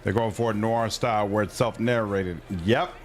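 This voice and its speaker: A man's voice: lowish voice, steady tone, normal speed. A man giving casual, off-the-cuff commentary as he livestreams a game, now and then reading prompts aloud.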